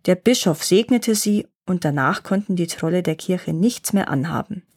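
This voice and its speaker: A woman voicing a wise old grandfather gnome who tells old tales in a calm, measured way, reading a fairy tale aloud. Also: on the low side. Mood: telling. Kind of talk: storybook reading.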